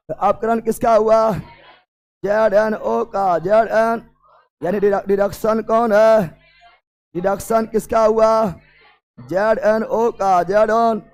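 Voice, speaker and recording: A high-voiced male teacher drills his class with repeated questions. His voice is gravelly and he often shouts or slips into a sing-song. He keeps up a loud call-and-response.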